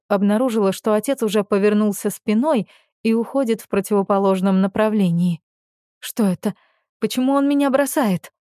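A woman's voice: medium pitch, mellow, no echo, studio quality. A woman narrating a first-person novel as an audiobook, with intimate, emotional storytelling.

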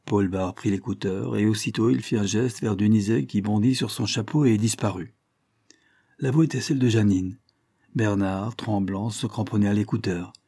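A man narrating a detective story in a measured, dramatic way, his low voice dark and husky. the sound is close and completely dry, with no room around it. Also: steady tone, no room sound.

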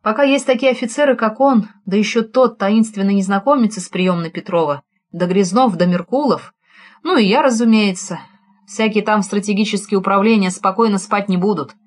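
A woman's voice: mid-range voice, normal speed, natural voice. A woman reading the lines of a wary male investigator in an audiobook, cautious and ironic. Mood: wry.

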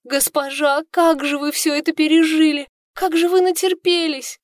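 A woman's voice: a little high, normal speed, no echo, studio quality, voice pushed up, lightly acted. Woman voicing a tearful young maidservant. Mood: tearful, pleading. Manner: sobbing, pleading. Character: tearful devoted young female servant.

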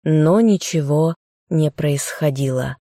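Low, mellow woman narrating a fairy-tale audiobook, dry close sound. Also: slow pace, dry recording.

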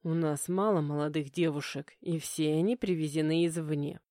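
A woman reading an audiobook, voicing a calm, cold, domineering young man who speaks in curt, commanding lines. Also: low voice, moderate pace, no room sound, clean studio sound.

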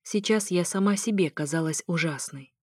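A woman's voice: fairly low pitch, moderate pace, darkish tone, slightly rough, no echo. A young woman narrating an audiobook in the first person, in a wry, ironic tone, close to the mic.

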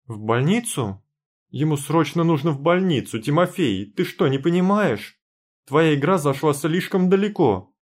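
A man's voice: fairly high pitch, very animated, slow, voice pushed up. A man voicing a panicked young woman, a witch, who pleads shrilly and is close to tears. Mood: desperate.

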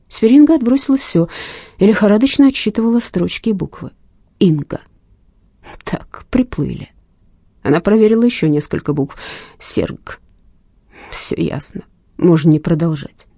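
A woman narrating an audiobook in a measured, tense storytelling manner. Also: mid-range voice, dark tone, no echo, studio quality.

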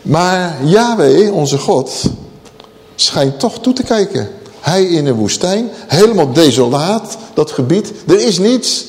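A man's voice: high voice, lively intonation, slow pace. A man preaching a Bible-teaching sermon who asks rhetorical questions and draws out key words for emphasis. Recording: long reverb of a large hall.

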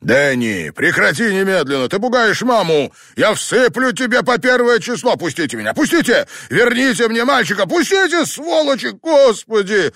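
A man voicing a grieving father who shouts and sobs in desperation. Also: sits high, very animated, normal speed, hardly any pauses, dry recording, clean studio sound, voice pushed up, exaggerated voice. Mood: raging. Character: grieving frantic father, middle-aged man.

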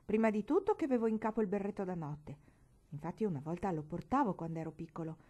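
A proud young boy grumbles about his grievances in an aggrieved, complaining tone, as a woman reading a storybook puts him on. The voice stays mellow and soft-edged. He sounds hurt and indignant. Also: fairly low pitch, lively intonation, fast talker.

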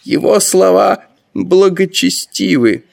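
A man reading an aging high magistrate in an audiobook, his voice raised high above his own. He speaks slowly and with lively exclaiming force. He is a ruler torn between gold and custom. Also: vocal fry, heavily acted. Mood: astonished. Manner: hesitant, then astonished. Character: wavering older male high magistrate. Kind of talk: audiobook narration.

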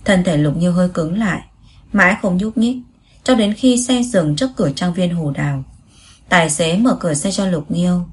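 Woman narrating a novel, slightly low. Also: normal speed. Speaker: audiobook narrator.

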